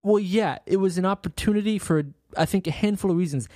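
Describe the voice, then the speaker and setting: A woman's voice: medium pitch, fast talker, dark tone, dry recording, studio quality. A woman co-hosting a casual history podcast, telling the story with fillers and laughing along with her co-host. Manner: storytelling with fillers and laughs, reads quotes aloud.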